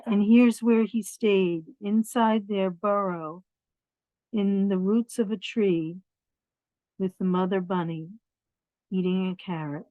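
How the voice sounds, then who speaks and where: A woman storyteller reads a picture book aloud and talks informally with families, explaining things directly to young listeners. Her medium-pitched voice is fairly even and slow, with phone-quality sound.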